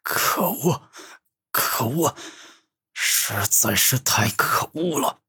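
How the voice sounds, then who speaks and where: A man voicing a proud, furious male villain cultivator who shouts in defiance, with a husky voice. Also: fairly low pitch, expressive, a little slow, no room sound, studio quality, full character voice.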